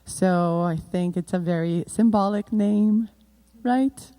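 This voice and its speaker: A woman with a Brazilian accent, an actress and producer, talking in an interview with many pauses and fillers. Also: mid-range voice, warm tone. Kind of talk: casual interview talk.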